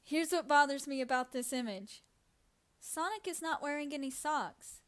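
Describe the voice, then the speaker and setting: A woman's voice: sits high, moderate pace. A woman co-hosting a livestream, chatting casually with a playful, teasing, giggly manner. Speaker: co-host.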